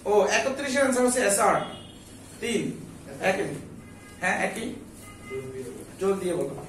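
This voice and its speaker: A man's voice: high-pitched, expressive, moderate pace, a bit bright, echoey room, recorded from a distance, slight background noise, poor audio. A man tutoring a live English class, coaxing his students and repeating his questions back to them.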